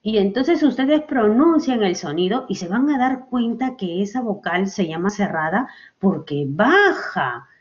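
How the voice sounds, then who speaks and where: A woman's voice: medium pitch, expressive, a little slow. A woman teacher gives a children's language lesson, stretching out example words and often checking with "ok?". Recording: dull lo-fi recording.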